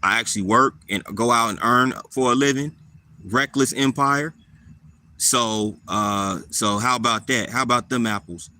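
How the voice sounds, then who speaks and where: A man's voice: medium pitch, moderate pace, bright, forceful tone. Laid-back man chatting with viewers. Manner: laid-back, repeats himself, answers viewers by name. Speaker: vlogger answering live chat. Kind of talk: casual live chat.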